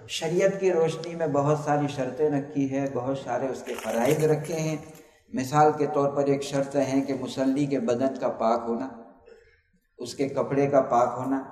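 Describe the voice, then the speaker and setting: A man's voice: fairly high pitch, darkish tone. A man giving a methodical religious lecture, listing conditions one by one and quoting Arabic terms. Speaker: Islamic preacher. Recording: echoey hall, voice from far off.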